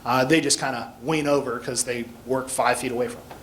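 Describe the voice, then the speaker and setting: A guest air traffic control instructor from America talks informally, explaining plainly and answering listeners' questions. His mid-range voice moves fairly quickly with fairly even intonation, and a little hiss or hum is audible.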